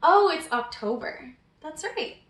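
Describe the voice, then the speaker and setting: A woman with a high voice and lively intonation reads a picture book slowly and expressively to young children, drawing them in with questions along the way. The sound is roomy and echoey.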